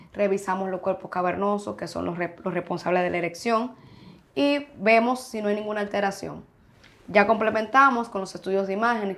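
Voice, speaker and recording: Frank woman specialist guest, emphatic, explains plainly, mid-pitched voice. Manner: frank, emphatic, acts out patient dialogue. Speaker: urologist guest. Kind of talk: interview answers, explaining.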